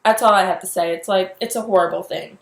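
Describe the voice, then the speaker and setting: A young woman ranting in a casual vlog, exasperated and animated, filling her talk with "like". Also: medium pitch, fast, creaky, reverberant. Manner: animated, exasperated, heavy use of "like". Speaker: vlogger.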